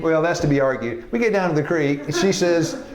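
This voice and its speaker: A man's voice: on the high side, expressive, brisk, roomy sound, crowd noise. Folksy older man telling his story. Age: 60s. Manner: folksy, joking storyteller who laughs often. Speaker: health evangelism instructor. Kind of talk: personal testimony in a class. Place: classroom with a live audience.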